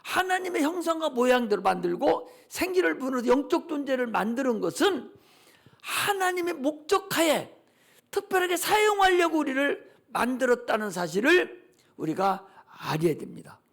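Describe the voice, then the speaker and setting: A man's voice: very high-pitched, big pitch swings, normal speed, vocal fry, fairly bright tone. A male pastor preaching a Sunday morning sermon, emphatic and full of rhetorical questions he answers himself.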